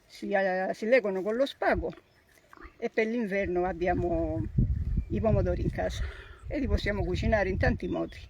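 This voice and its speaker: A woman's voice: medium pitch, normal speed, background noise. An older woman from Sicily with a Sicilian accent, explaining farm work informally in plain, homespun, repetitive phrases. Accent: Sicilian Italian. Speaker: traditional tomato grower. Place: outdoors on a countryside plot.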